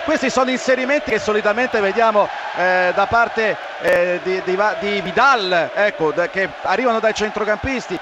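A man from Italy giving live radio match analysis as second commentator, in a raised voice with halting phrasing. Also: high voice. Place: football stadium commentary position. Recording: dull lo-fi feed with loud crowd. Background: noisy crowd.

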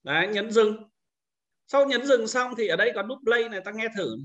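A man giving a patient, step-by-step screen-recorded software tutorial to teachers, explaining each click as he goes. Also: high-pitched, animated, normal speed, dull audio. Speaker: teacher trainer.

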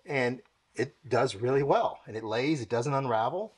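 In a home garage with a tiled floor, a young car-detailing host gives a casual product demo, working with his hands and moving about while addressing a camera mic. His voice is medium-pitched and expressive, at a moderate pace.

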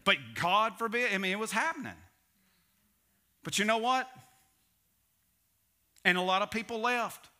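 Preaching on a church stage, a middle-aged pastor speaks in a high voice, a bit slowly, with frequent pauses. His animated sermon swings between loud emphasis and hushed asides.

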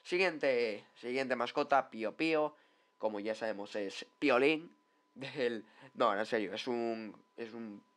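A man's voice: medium pitch, slow pace, fairly bright tone. A man giving a casual, rambling commentary on football mascots, full of tag questions and repeated words. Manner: rambling, chatty, lots of tag questions and repetitions. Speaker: football vlogger reviewing mascots.

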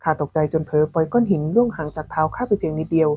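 Female novel narrator, low pitch, slightly husky, lively first-person storytelling. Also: very fast, rough recording. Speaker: novel reader.

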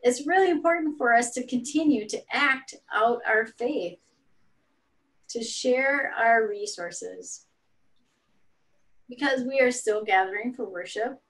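Gentle and encouraging, a middle-aged woman pastor guides an online worship service on a video call from a small room in her home. She speaks slowly with long pauses, her voice on the high side, in a low-quality recording.

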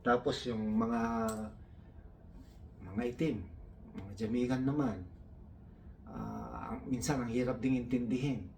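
A man's voice: medium pitch, expressive, takes it slowly, pauses often, recorded from a distance, noisy background. A man from the Philippines doing stand-up storytelling, taking on his coworkers' broken English in a raised voice. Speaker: comedian.

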